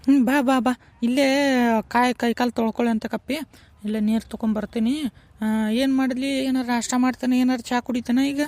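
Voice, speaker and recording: A woman's voice: on the high side, steady tone, moderate pace, darkish tone, no room sound, close to an everyday voice. A woman with a North Karnataka Kannada accent voicing a fussy, doting village mother who scolds and nags in a cartoon. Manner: scolding and nagging. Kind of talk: cartoon voice acting.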